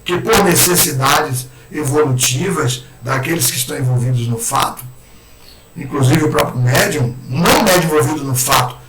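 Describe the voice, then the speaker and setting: A man with a hoarse throat giving an animated spiritist lecture, acting out the words of imagined people. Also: on the high side. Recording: echoey room, far mic, loud noise.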